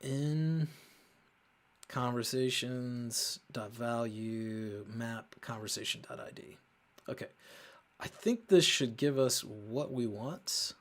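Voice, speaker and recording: A man with a medium-pitched voice hosts a casual coding walkthrough on his coding show. He thinks aloud haltingly while he works and often mutters to himself.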